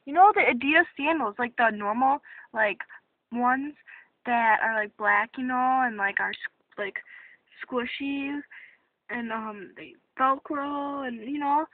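A woman vlogging in casual chat, rambling off on quick tangents and swearing freely, from a parked car. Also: on the high side, slight background noise. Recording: tinny phone-like recording.

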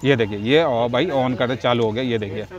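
A man's voice: mid-range voice, fairly quick, lo-fi sound. A man filming at an outdoor street market stall on a handheld phone, repeating each price back for his viewers and calling the seller "bhaiya" often. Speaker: vlogger. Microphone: handheld phone camera.

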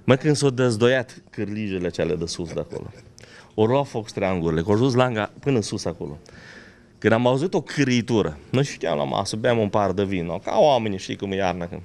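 An older man with a western Romanian regional accent, telling a folksy anecdote with animated, dramatic delivery. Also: fairly low pitch, gravelly. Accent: Banat-Crișana Romanian. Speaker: local storyteller.

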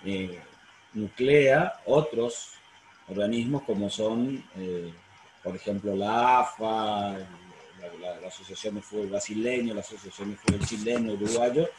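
Argentine law professor, roomy sound. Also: male voice, on the low side, a little slow. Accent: Argentine Spanish. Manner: explanatory, frequent fillers and self-corrections. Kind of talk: online university lecture. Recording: roomy sound, faint noise.

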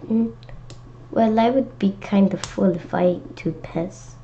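Using a warm, mid-range voice at a measured pace, a woman reads a children's storybook aloud and adds simple, childlike, chatty remarks along the way. The home recording sounds dull and lo-fi, with noticeable noise.

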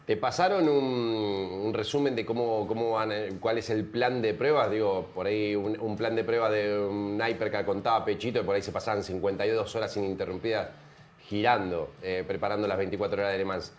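An Argentine man with a lowish voice co-hosting a casual interview. He mixes teasing quips with measured follow-up questions, and faint noise sits behind his voice. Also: fairly even intonation. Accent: Argentine Spanish. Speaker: co-host.

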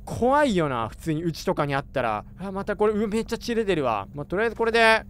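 Male gamer, high bouncy voice, excitable and chatty live reactions. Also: quick pace, a little hiss or hum. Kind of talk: let's play commentary.

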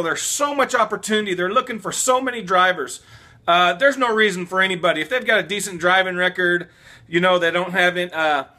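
A man, giving casual trucking advice to camera in an animated way, stopping and restarting often, in a small room at home. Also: sits high. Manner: animated, gestures a lot, repeats and restarts. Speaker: vlogger, new truck driver.

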